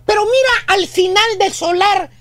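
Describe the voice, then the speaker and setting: A man's voice: very high-pitched, moderate pace, a bit bright, faint music behind. A Mexican man hosting a comic radio segment, scolding and mocking as he tells a story and acts out the dialogue. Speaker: radio comedy host.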